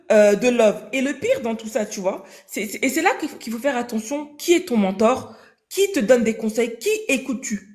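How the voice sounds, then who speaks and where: A young woman telling a story casually in an interview, animated and slangy, acting out the dialogue. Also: a little high. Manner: animated, slangy, acts out dialogue in quoted voices.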